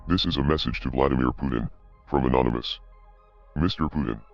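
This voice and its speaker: A man reading a scripted statement as an anonymous activist spokesperson in a disguised, pitched-down voice, cold, measured and ominous. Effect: disguised, pitched-down deep voice. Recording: dull lo-fi audio, music behind.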